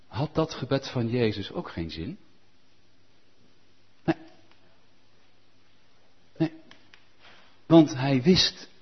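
Husky lively preacher, lo-fi sound. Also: male voice, medium pitch. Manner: animated, asks the congregation rhetorical questions. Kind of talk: sermon.

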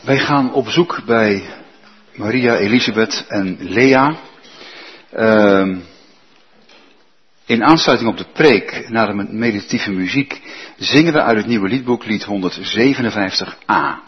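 A pastor making plain, matter-of-fact announcements during a church service. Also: male voice, lowish voice, normal speed. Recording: slightly dull church recording.

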